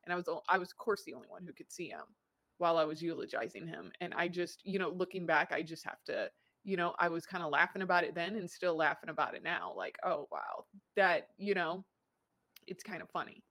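A woman's voice: fairly low pitch, expressive, fairly quick, fairly bright tone. Chatty woman podcast host. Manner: chatty, playful, says "y'all". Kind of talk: casual interview chat.

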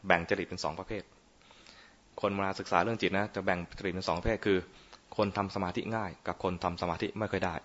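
This Buddhist monk talks fast in a deep, steady voice that is a bit bright and slightly rough. His informal meditation talk is playful, with frequent quizzing of listeners, and the lo-fi recording is muffled.

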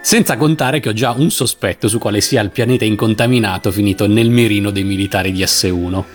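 A man's voice: lowish voice, fast, soft background music. A man co-hosting a casual chat, commenting in a thoughtful, reflective way. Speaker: co-host.

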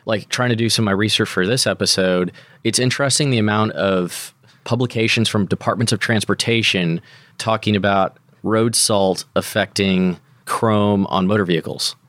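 A man's voice: lowish voice, steady tone, moderate pace, a bit bright, no echo. A man co-hosting a podcast, explaining technical matters in a casual, colloquial way. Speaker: podcast co-host.

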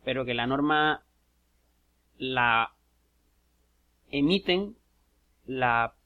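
A man co-hosting a casual podcast, musing aloud at a mid pitch and turning ideas over as he talks. The sound is dull and lo-fi. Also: lively intonation, very slow. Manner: musing, acts out little dialogues. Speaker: podcast co-host. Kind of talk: casual reflective chat.

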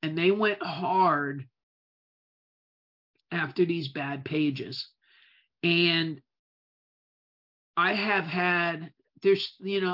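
In a relaxed presentation about running a web business, an Italian-native speaker with a medium-pitched voice stretches words for emphasis and repeatedly restarts phrases. A dull, lo-fi recording captures the talk.

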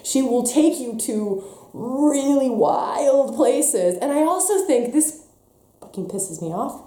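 Speaking slowly in a high, animated voice that sounds a bit stuffy, a woman who teaches spirituality delivers a fervent, emphatic talk. Her intensity rises and falls between gentle and forceful, captured with a roomy sound.

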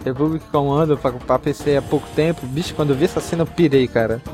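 Excitable Brazilian man, slightly high voice. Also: quick pace. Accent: Brazilian Portuguese. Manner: slangy, effusive, emphatic. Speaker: podcast co-host. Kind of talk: excited casual fan chat. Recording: music behind the voice. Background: music.

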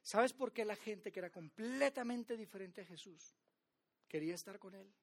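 A man delivers a sermon. He retells the story dramatically, rising to loud emphasis and dropping to near-hushed lines. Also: high-pitched, moderate pace, gravelly. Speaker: pastor.

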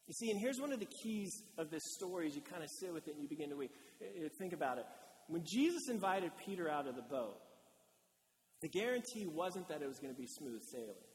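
A man's voice: on the high side, in a large hall, rough recording. A male pastor preaching a conversational sermon, acting out quoted voices as he talks.

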